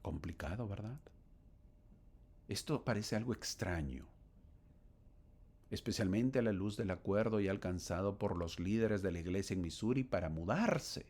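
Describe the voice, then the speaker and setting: A man's voice: on the low side, brisk, hardly any pauses, darkish tone. A man giving a conversational scripture lesson. He speaks to the listener as a friend, asks rhetorical questions and reads verses aloud. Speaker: gospel teacher.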